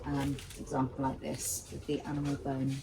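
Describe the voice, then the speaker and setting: A woman, the finds manager at a dig, explaining her work in a steady, practical way. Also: very deep voice, normal speed. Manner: steady and practical, with some fillers. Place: outdoor excavation site. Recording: noisy outdoor recording.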